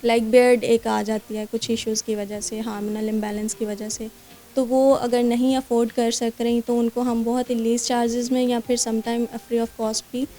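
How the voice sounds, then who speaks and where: A woman's voice: a little high, flat delivery, moderate pace, dark tone, faint music behind. A woman with a Pakistani Urdu accent, a clinic doctor answering interview questions, explaining at length with fillers and English medical terms. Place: skin clinic.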